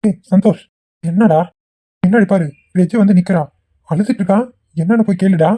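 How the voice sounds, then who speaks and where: A man's voice: high-pitched, fairly quick, warm tone. A man voicing a concerned young male college friend who urges his pal to hurry. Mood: urgent. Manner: urgent, hurrying.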